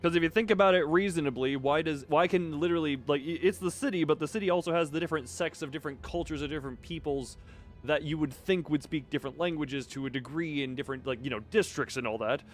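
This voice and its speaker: Over the game's music, a streamer talks fast in a slightly high voice, offering loose, meandering commentary and thinking out loud as he plays live.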